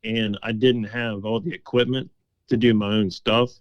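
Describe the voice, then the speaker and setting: A man's voice: fairly low pitch, steady tone, normal speed, dry recording. A middle-aged man being interviewed, telling stories in a folksy, casual, conversational way. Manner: folksy, quotes past conversations as dialogue. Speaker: interview guest, game call maker.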